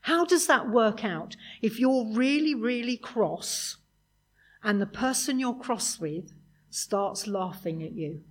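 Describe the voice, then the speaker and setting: Woman preacher, breathy, conversational sermon delivery. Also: fairly high pitch, expressive, slow pace. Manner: conversational, with rhetorical questions.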